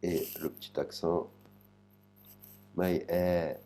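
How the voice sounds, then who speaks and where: Male language teacher, very low and mellow voice, slow and careful delivery. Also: flat delivery. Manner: slow, spells out sounds one by one. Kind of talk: spoken lesson.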